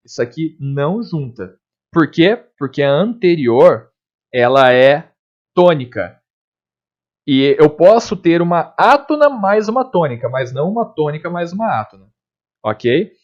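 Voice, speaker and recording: A man teaching a literature lesson in a casual manner, checking in with his students often and slowing down to recite poems. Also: a little high. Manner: slows down when reciting poems. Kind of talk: classroom lecture. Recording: dull lo-fi recording.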